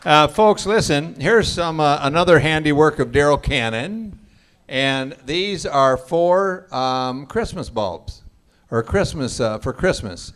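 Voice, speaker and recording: A man hosting a class auction, calling out prize winners and joking with the crowd in a booming voice. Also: lively intonation, takes it slowly, a bit bright. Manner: jokey, booming crowd address. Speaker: auction host. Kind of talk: live event emcee.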